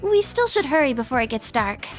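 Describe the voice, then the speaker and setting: A woman voicing a shy, gentle teenage schoolgirl in a video game, speaking softly and earnestly. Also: high-pitched, very animated, brisk. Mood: wistful. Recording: game audio with background music.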